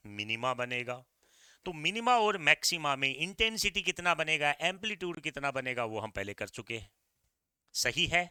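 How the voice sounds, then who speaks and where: Bright, crisp Indian male physics teacher. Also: a little high, moderate pace, no room sound, clean studio sound. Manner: energetic, repeats key points, coaxes students directly. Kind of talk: exam-prep physics lecture.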